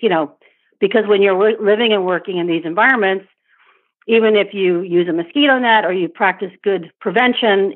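A middle-aged woman talks through an interview, pausing and restarting as she gathers her thoughts. Her voice is a little husky, and it comes through a narrow, tinny phone line. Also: on the low side. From born in Vietnam, raised in Asia and Africa. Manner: thoughtful, with frequent restarts and light laughs. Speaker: interview guest.

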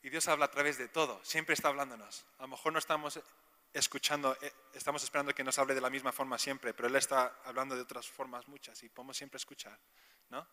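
Brief: preacher from Spain, man, conversational storyteller, very bright tone, long hall reverb. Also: medium pitch, level tone, quick pace. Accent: Spain Spanish. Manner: chatty, conversational, asks the audience questions. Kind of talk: casual sermon with storytelling.

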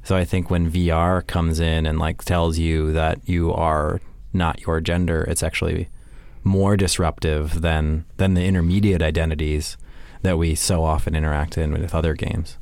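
A man's voice: very deep voice, level tone, normal speed, few pauses, darkish tone, no echo. A man co-hosting a casual podcast chat, rambling with many restarts and fillers. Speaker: podcast co-host.

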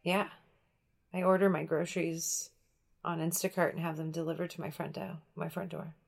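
A young woman as a guest in a casual conversation, relaxed and laconic, often answering with short agreements. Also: lowish voice, moderate pace, gravelly. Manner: relaxed, laconic, lots of mm-hmms.

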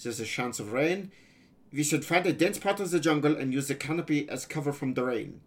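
A man voicing a calm, practical boy pirate who takes charge of a stranded group in a storybook tale. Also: on the high side, brisk, voice pushed up. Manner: earnest, matter-of-fact planning.

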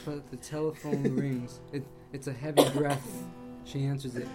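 A man co-hosting a comedy podcast, playfully improvising a spooky, silly story in a hushed narrator voice. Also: mid-range voice, flat delivery, moderate pace, music in the background. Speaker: podcast co-host.

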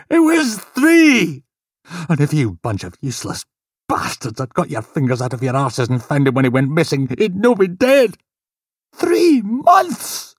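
A man's voice: a little high, breathy edge, no echo, studio quality, voice pushed up, exaggerated voice. A man voicing a grieving father who explodes in cursing rage, screaming at the police. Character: grieving father, enraged, bellowing.

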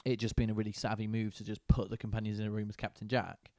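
Low-voiced man musing out loud. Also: level tone, quick pace, no echo, clean studio sound. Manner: thinks aloud with restarts, poses questions. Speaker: podcast co-host. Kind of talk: casual chat.

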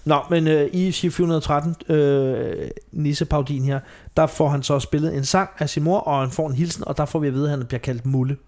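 A man with a slightly higher voice hosts a casual podcast chat. He retells scenes loosely, quotes lines in passing and laughs often. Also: fairly even intonation, hardly any pauses, darkish tone. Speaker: podcast host. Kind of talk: casual chat recapping a TV show.

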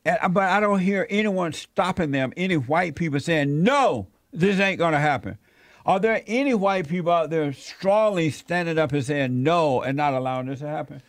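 A man hosting a casual talk show, asking slow, drawn-out questions between jokes. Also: on the high side, dry recording. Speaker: host.

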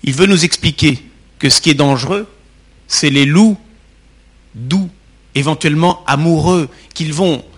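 A man's voice: a little high, a little slow, pauses often, slightly rough. A man teaching a class, reading a fairy tale aloud and then explaining it, in an unpolished way with repeated words.

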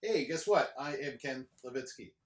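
A man's voice: medium pitch, lively intonation, normal speed, roomy sound. A man co-hosting a podcast, saying his name in a put-on robot voice. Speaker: podcast co-host. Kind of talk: casual chat.

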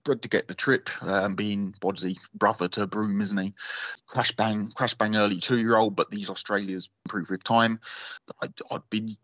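A man's voice: lowish voice, steady tone, moderate pace, fairly bright tone, dry recording. A man talking in a laid-back, wry way as a guest in a casual podcast chat. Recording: dry, slightly muffled audio.

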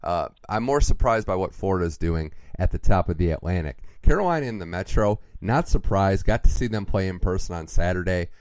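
A man hosting a hockey podcast, giving lively, opinionated takes in casual chat. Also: sits low, brisk, hardly any pauses, no echo.

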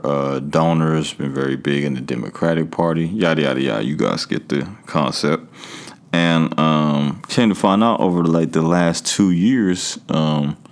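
A man hosting a podcast solo in a casual, slangy, conversational way, talking straight to his listeners. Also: extremely low pitch. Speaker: podcast host.

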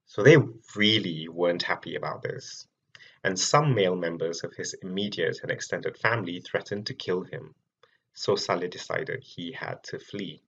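A man from Malaysia, a researcher giving a prepared public talk, telling his story in a measured way with clear emphasis. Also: deep voice, fairly bright tone, dull audio.

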